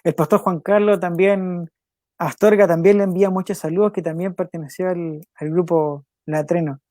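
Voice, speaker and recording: A young devotional-program host speaks in a high-pitched, steady, darkish voice, recorded close and dry with no room sound. His casual devotional talk and spoken prayer are earnest and conversational, with repeated phrases, quick asides, and the odd laugh.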